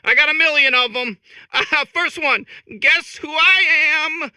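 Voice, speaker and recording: In a video game, a man voices a zany, desperate comedian robot, his voice pitched extremely high with a sharp tone and a measured pace. Heavily acted and manic, the hacky robot stammers through showbiz patter and giggles at its own jokes in a way that sounds improvised. There's no room sound at all.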